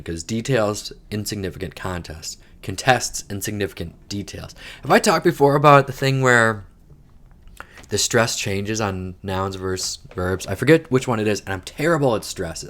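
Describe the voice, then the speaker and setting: A man with a very low, deep voice talks through a crossword puzzle in a relaxed, chatty way. He drifts off into rambling asides and drops the odd swear word. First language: English. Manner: thinks aloud, rambling digressions, mild swearing. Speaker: podcast host solving a crossword. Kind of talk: casual solo puzzle-solving chat.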